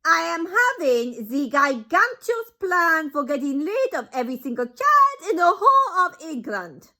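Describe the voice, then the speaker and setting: A woman voicing a vicious, imperious female witch leader who shouts in broken, bossy grammar. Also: extremely high pitch, very animated, unhurried, pitched above the performer's own voice, exaggerated voice. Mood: ranting.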